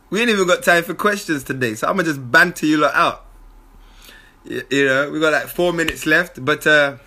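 A man giving a lively motivational talk as a spiritual coach, often laughing. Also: fairly high pitch. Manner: animated, bursts into shouted impressions and laughter.

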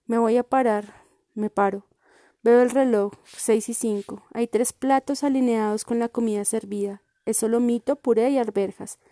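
A woman reading a first-person literary story in a calm, measured way. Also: fairly high pitch, no echo, clean studio sound. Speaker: reader.

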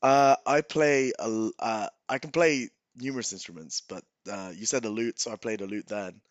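A man's voice: on the low side, moderate pace, no echo. A man playing in a tabletop game who speaks hesitantly and laughs often. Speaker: player.

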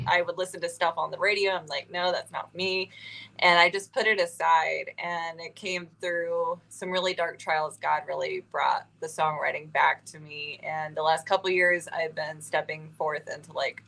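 A woman from Ohio talks about her music as a guest. Her voice sits slightly low, and her manner is earnest and soft-spoken, with pauses and fillers. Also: vocal fry, rough recording. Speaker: guest singer-songwriter. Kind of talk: casual interview chat.

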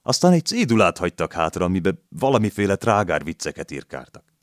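A rough, barking detective, as a male narrator puts him on, loud and brusque. The voice sits a little higher and harder than the narration. The reading is dry and close. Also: sing-song, dry recording. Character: gruff, brusque police detective, grown man.

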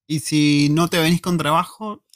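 Joking Argentine man, slangy and lively. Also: a little high, moderate pace, dry recording, clean studio sound. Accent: Argentine Spanish. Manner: joking, slangy, animated storyteller. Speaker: host. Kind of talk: live casual chat. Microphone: desk microphone.

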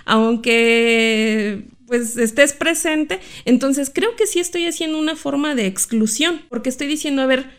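A woman's voice: high voice, measured pace, smooth. A woman, a guest expert who explains inclusive language in a careful, reflective way, asking rhetorical questions. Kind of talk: explanatory interview talk.

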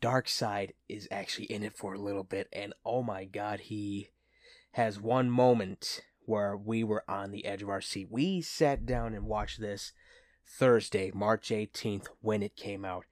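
A man with a fairly low voice gushes like an excited fan as he hosts a casual movie review. The sound is dry and close, with no room echo. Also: unhurried. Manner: enthusiastic, gushing fan talk. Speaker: host of a movie review show.

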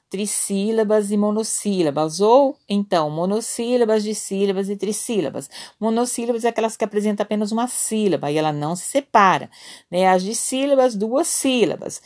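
A woman teacher with a Brazilian Portuguese accent, giving a remote lesson to children in a patient, encouraging way and often checking in with "né?". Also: on the low side. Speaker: primary school teacher.

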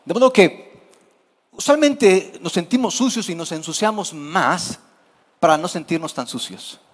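A man's voice: high-pitched, expressive, a little slow. A man, preaching a sermon in a conversational way and asking the congregation questions. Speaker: pastor.

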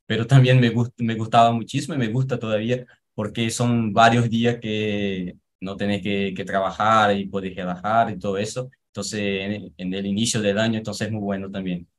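A man hosts a group language call, asking questions in a relaxed, friendly way and slipping between vos and tú forms. His voice sits somewhat low. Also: normal speed, hardly any pauses. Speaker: host of a language exchange call. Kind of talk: moderating a casual group chat.

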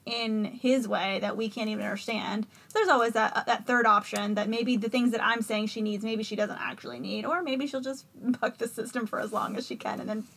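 A woman's voice: a little high, fairly even intonation, brisk, hardly any pauses, a bit bright, breathy edge. A woman co-hosting a casual chat, practical and earnest, who often breaks into a nervous laugh. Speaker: podcast co-host.

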